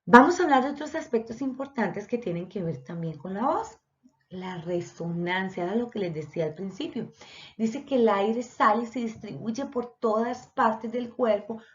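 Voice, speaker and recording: A woman teacher, explaining a lesson and speaking directly to her students. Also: medium pitch. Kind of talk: online voice lesson. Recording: dull lo-fi recording.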